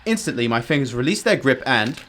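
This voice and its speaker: A man's voice: medium pitch, sing-song, brisk, noisy background, lightly acted. A man playing a brilliant, commanding detective in a radio drama, explaining emphatically with old-fashioned courtesy. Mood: focused. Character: brilliant, commanding, self-critical male detective.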